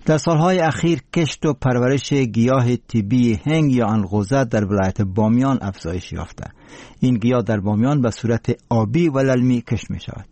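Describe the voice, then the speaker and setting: A man's voice: medium pitch, warm tone, no echo. A man with an Afghan accent reading scripted radio news headlines as a presenter, in a solemn and formal manner.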